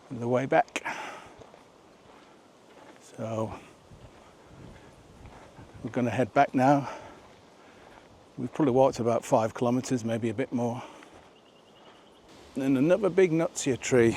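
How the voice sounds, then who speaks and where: Man, mid-pitch, rambling walking-vlog narrator, outdoors on a trail, faint nature ambience behind. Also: warm tone, slight background noise. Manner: chatty, rambling, asks viewers questions. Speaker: vlogger.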